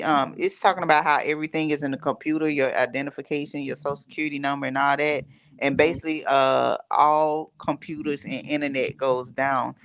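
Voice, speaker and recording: A man's voice: on the high side, fairly bright tone. A man on a casual livestream, explaining things plainly with fillers. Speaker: livestream guest.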